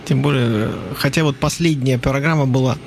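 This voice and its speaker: A man presenting on a radio music programme in casual talk, halting and reflective with many pauses. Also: mid-range voice, gravelly. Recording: faint noise behind the voice.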